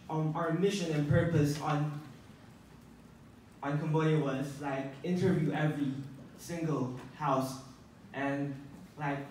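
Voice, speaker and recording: Halting teenage boy pitching in an echoey hall. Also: far from the mic, slight background noise. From Taiwan. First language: Mandarin Chinese. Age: teens. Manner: halting, restarts words, speaks in English as a second language. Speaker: student presenter. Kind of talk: contest pitch presentation. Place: conference hall, indoors. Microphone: handheld mic, filmed by a far phone camera.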